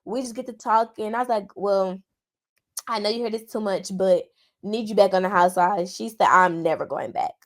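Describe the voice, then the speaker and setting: A woman podcast co-host, excitedly retelling a celebrity encounter in casual chat. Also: medium pitch, normal speed. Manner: animated, excited retelling with quoted dialogue.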